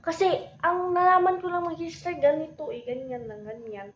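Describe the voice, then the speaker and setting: A woman's voice: sits high, fairly even intonation, a little fast, dull audio. Giggly woman. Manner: giggly, rambling, mixes in English. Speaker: vlogger. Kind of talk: casual chat to camera.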